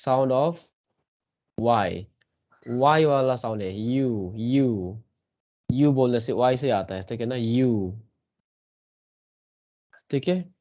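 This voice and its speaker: A man leads an online grammar class, going slowly and drilling each sound over and over. He keeps checking that students follow. The audio is muffled and lo-fi. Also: mid-range voice. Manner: repetitive, drills sounds, asks checking questions. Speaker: English grammar teacher.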